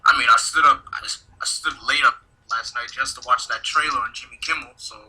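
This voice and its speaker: A man's voice: mid-range voice, fairly even intonation, a little fast, bright, forceful tone, husky, low-quality recording. A man on a casual podcast, hesitant and trailing off mid-sentence.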